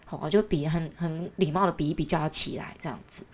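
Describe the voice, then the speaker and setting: Woman vlogger, Taiwanese Mandarin accent, lower-pitched voice, chatty and exasperated storytelling. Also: brisk. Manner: chatty and exasperated, with mocking asides. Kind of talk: casual storytelling rant.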